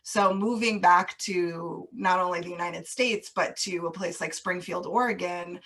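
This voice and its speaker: Speaking at a measured pace in a lowish voice, a woman guest in a relaxed interview looks back on her upbringing on American military bases overseas. Her manner is warm and thoughtful, with easy laughter.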